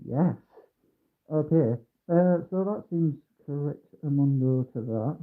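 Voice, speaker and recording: A man livestreaming while building a kit, his voice muffled as though through a mask or a wall, mumbling and humming to himself. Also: on the high side. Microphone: phone mic. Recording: tinny muffled phone audio.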